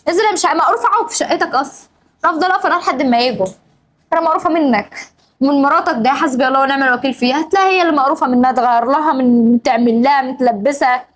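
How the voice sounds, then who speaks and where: A woman's voice: high voice, rapid-fire, low-quality recording. A young Egyptian woman with an Egyptian accent, acting in a family drama, scolding over and over and growing emotional. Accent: Egyptian Arabic. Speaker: regular of the show.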